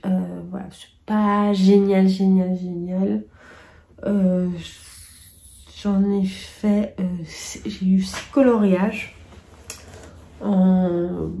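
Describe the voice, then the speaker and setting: A middle-aged woman talks casually to camera, pausing on filler after filler and dropping now and then into a near-whisper. Her voice is dark and mellow, with a gravelly fry underneath. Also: mid-range voice. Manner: hesitant, many fillers, drifting into whispers. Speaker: booktuber sharing yearly favourites.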